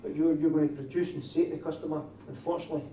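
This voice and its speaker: A man's voice: on the high side, flat delivery, very fast, warm tone. A man with a broad Scottish accent teaching a class as a trainer, putting questions to his trainees. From Scotland. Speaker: trainer of door supervisors. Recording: distant mic, echoey room, faint noise.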